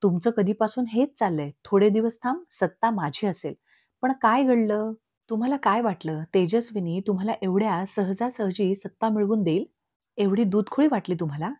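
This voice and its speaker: A woman voicing a bitter, vengeful middle-aged aunt who talks in a sharp, taunting way. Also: mid-range voice, normal speed, breathy edge, dry recording, natural voice. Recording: dull lo-fi recording.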